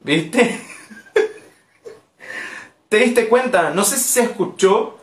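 A teacher whose first language is Portuguese runs a live online lesson. The voice moves up and down a lot and the pace is unhurried, with phrases repeated patiently for learners. The sound carries a roomy echo. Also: medium pitch, expressive.

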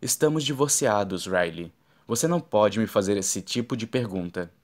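A man's voice: on the low side, expressive, moderate pace, close to an everyday voice. A man voicing a young woman and mother in an audiobook, speaking her lines in his own plain reading voice. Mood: firm. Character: young woman, mother, first-person heroine.

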